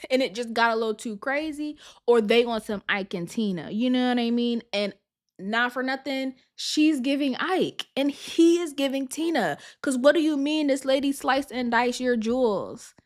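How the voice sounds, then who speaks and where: A woman's voice: sits high, a little slow. Sassy woman podcaster riffing on news. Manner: animated, sassy, talks back to the story. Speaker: podcast host. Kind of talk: casual news commentary.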